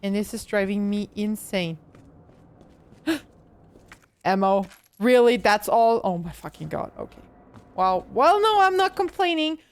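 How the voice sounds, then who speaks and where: A woman's voice: medium pitch, animated, takes it slowly, long pauses. A young woman streaming a horror game, chatting casually, swearing and yelping when startled. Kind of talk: casual live gameplay chatter.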